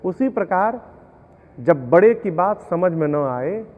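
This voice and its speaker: A man giving a devotional discourse, explaining verses everyday examples and chanting lines slowly. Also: high voice, expressive. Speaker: religious storyteller. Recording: tinny, narrow-band audio in a long-reverb hall.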